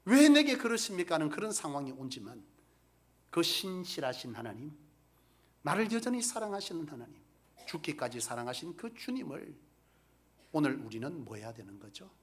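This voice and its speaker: A male pastor giving a sermon, preaching emphatically and asking the congregation questions, dropping from loud outbursts to hushed whispers. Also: a little high, big pitch swings, moderate pace, long pauses. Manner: asks the congregation rhetorical questions.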